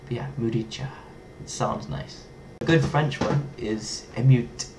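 Over a noisy background, a medium-pitched young adult from England talks in an unhurried way to his webcam. It's a casual vlog filmed in a small bedroom, and with his English accent he's playful and lively, toying with foreign words.

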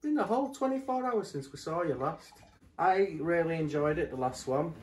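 Lively woman reacting to TV. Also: sits low, moderate pace, roomy sound. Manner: chatty, shouts excitedly at the screen. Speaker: reaction video co-host. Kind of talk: casual TV reaction chat.

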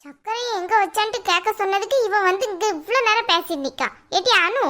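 Woman doing a bossy mother-in-law, bright. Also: very high-pitched, lively intonation, brisk, heavily acted. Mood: scolding. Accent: Tirunelveli Tamil. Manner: sharp, scolding. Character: scolding older mother-in-law, brisk and bossy. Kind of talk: cartoon voice acting.

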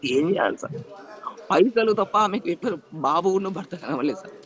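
A man's voice: sits high, expressive, a little fast, fairly bright tone, highs cut off. A man, pleading emotionally in a news interview and repeatedly appealing to the interviewer. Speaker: interviewee, estranged husband.

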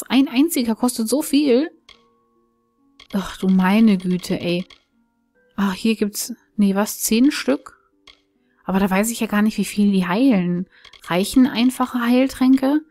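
A woman's voice: mid-range voice, a little mellow. Chatty woman playing a game. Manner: chatty, enthusiastic, thinking aloud. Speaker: let's play host. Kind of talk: casual gameplay commentary.

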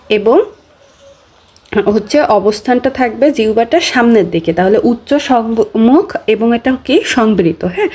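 A woman's voice: fairly high pitch, dark tone. A woman with a Bangladeshi Bengali accent teaching a grammar lesson, patiently repeating key terms with frequent hesitations.

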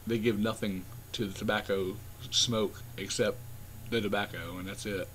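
A man casually reviewing pipe tobacco with a pipe clenched in his mouth, relaxed and rambling with fillers. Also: fairly low pitch, normal speed, slight background noise.

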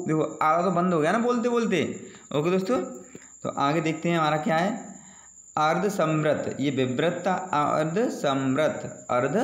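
A man's voice: fairly high pitch, reverberant. A man teaching an exam-prep lesson, often repeating "दोस्तों" and answering his own questions, stretching out sounds to demonstrate them. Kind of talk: exam prep lesson explaining Hindi vowels.

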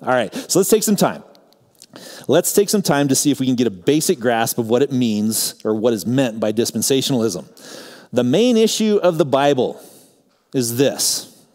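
A middle-aged man pastor giving a conversational teaching sermon, moving between emphatic points and quiet asides. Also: medium pitch, sing-song, normal speed. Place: church sanctuary. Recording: long church reverb.

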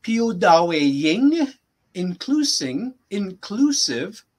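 A man teaching a language in a casual lesson, patiently repeating phrases slowly for his learner. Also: high-pitched, very animated.

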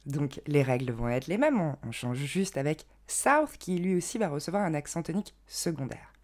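Young female teacher, bouncy melodic delivery, spells out sounds slowly for learners. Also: sits low, expressive, darkish tone. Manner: clear, slow modelling of each word. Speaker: English pronunciation teacher. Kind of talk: online pronunciation lesson.

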